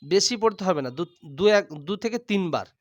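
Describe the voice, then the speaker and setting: A man teaching Quran reading step by step, drilling letters aloud and slowly repeating each word. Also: high voice, expressive, dry recording, clean studio sound. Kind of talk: step-by-step recitation lesson.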